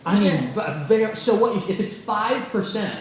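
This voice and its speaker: Animated man lecturing in an echoey room. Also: high voice, unhurried, a little hiss or hum. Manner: animated, acts out quoted voices, swears casually. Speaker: yoga teacher. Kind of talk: informal lecture to a class. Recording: roomy echo from a far mic.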